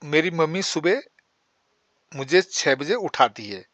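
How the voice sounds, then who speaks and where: A man teaching spoken English, explaining in Hindi and saying English sentences slowly. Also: fairly high pitch, expressive, fairly bright tone, dry recording.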